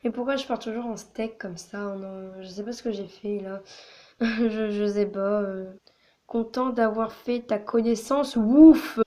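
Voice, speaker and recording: A woman with a hoarse voice chatting casually while playing a game, rambling with lots of filler words. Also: medium pitch, steady tone, moderate pace, dark tone. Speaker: channel host. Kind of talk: casual gaming vlog chatter.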